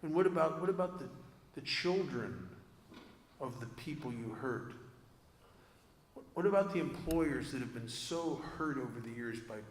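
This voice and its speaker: A man speaking to a recovery convention audience tells his own story earnestly and confessionally, poking fun at himself along the way. His mid-range voice is expressive at normal speed, with frequent pauses, and the echoey hall adds long reverb.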